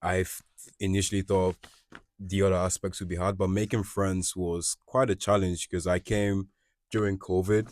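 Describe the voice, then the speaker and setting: A young man from Ghana speaks as a panelist, slow and thoughtful, often catching himself mid-word. His voice is very low and flat in melody. The recording is dry and close. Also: dry recording. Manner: slow, thoughtful and self-repairing. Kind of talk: casual panel talk.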